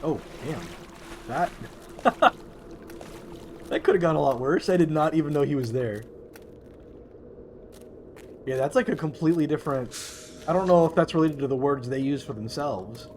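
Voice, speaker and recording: A man's voice: a little high, animated, normal speed, pauses often. A man streaming a game, chatting casually with viewers while he plays. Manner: laid-back, chatting with viewers while playing. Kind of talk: casual gameplay commentary. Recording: loud game noise behind the voice. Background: loud game sounds.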